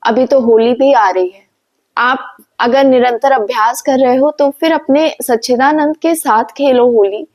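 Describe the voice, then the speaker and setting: Woman, spiritual speaker, earnest and instructive, slightly high voice. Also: a little slow, a little mellow. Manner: earnest, instructive, asks rhetorical questions. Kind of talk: devotional motivational talk.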